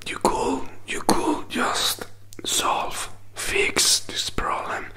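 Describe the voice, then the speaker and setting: A man in his twenties in a whispered role-play, playing a hurt, jealous boyfriend who pleads haltingly in breathy, non-native English, close to the microphone. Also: sharp tone. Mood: pleading, frustrated. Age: 20s. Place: small indoor room. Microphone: close desk microphone with furry windscreen.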